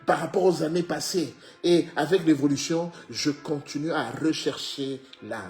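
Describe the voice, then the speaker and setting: French-speaking man preaching over faint music. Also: moderate pace. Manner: swings from loud exhortation to low hushed phrases; repeats words and restarts often. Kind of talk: sermon.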